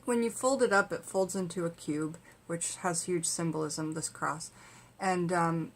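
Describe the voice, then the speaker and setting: A woman's voice: lowish voice, a little slow. A woman vlogging about tarot from home in a rambling, conversational way, full of fillers and restarts. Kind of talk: casual chat.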